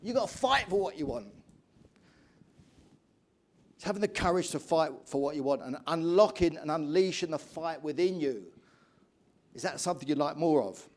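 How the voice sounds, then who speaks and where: High-voiced English motivational speaker, man. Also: normal speed, long pauses. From England. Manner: energetic storytelling, asks the audience questions. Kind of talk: motivational keynote speech.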